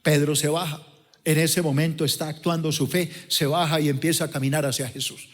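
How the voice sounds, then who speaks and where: Man, pastor, dramatic sermon, high voice, long hall reverb. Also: little pitch movement, brisk. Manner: dramatic, acts out scenes with voices. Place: large church auditorium.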